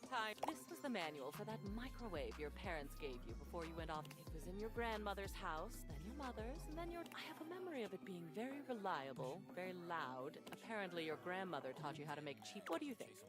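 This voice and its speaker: Theatrical opinionated woman, video game, animated pitch, teasing, wistful, loud music behind. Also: quick pace, few pauses. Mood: wistful, wry. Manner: theatrical, teasing, endearing terms.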